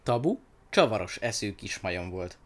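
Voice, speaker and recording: A man narrating a children's story aloud in an expressive, animated reading. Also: fairly low pitch.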